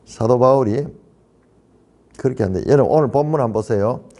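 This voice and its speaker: A man's voice: mid-range voice, a little fast, mellow. A man preaching as a pastor in a Bible study sermon, stressing points by repeating key phrases. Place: church.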